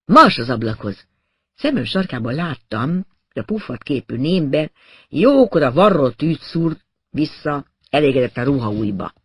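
A man narrating a first-person story in a steady, wry way. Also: fairly high pitch, breathy edge, no echo, studio quality.

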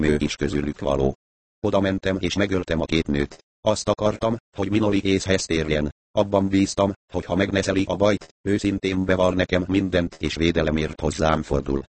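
A man voicing a remorseful, deranged male villain who speaks in a quiet, regretful, fatalistic way. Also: low-pitched, dry recording, natural voice.

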